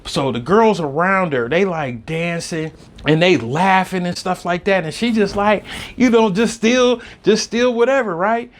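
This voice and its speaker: Animated man telling a comedic story. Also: unhurried. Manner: animated, swings from low muttering to loud outbursts; fills his talk with "you know what I'm saying" and "right". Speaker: podcast host telling a story.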